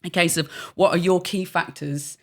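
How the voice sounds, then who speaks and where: A podcast host in casual chat, asking halting, rambling questions with frequent restarts. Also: mid-range voice, fairly even intonation.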